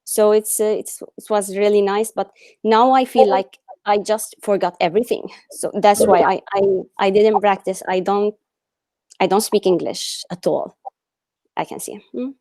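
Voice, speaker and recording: A woman's voice: medium pitch, fairly even intonation, moderate pace, darkish tone, dry recording. Hesitant woman. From Saudi Arabia and Syria. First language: Arabic. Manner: hesitant, searching for words, laughing often. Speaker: student. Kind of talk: introducing herself in class.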